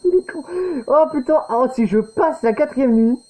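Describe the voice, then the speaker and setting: A man's voice: very high-pitched, normal speed, mellow. A man giving let's play commentary on a horror game, muttering to the game, swearing often and yelping when startled.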